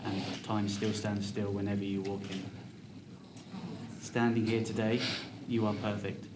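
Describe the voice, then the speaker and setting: A man's voice: on the low side, flat delivery, a little slow. A man with a Scottish accent reading his own wedding vows, earnest with bashful laughs. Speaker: groom renewing vows. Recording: background noise.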